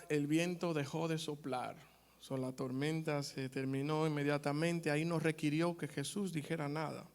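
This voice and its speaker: High-pitched pastor guy giving a slow emphatic sermon, numbered points, gets loud reading scripture. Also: creaky. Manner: emphatic preaching, rising loud when reading scripture aloud; addresses the congregation directly with numbered points.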